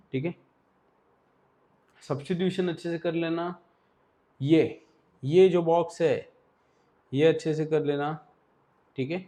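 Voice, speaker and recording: A man's voice: on the high side, darkish tone. A man teaching an exam revision lesson in a casual, directive way, often checking in with his students. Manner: casual, directive, Hindi-English mix, repeats "ठीक है".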